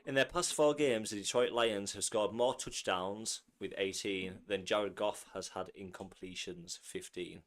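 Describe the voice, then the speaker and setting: A man's voice: on the low side, measured pace, few pauses. A man co-hosting a football podcast in casual chat, chatty and laughing, a bit ill. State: ill, coughing. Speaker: podcast co-host.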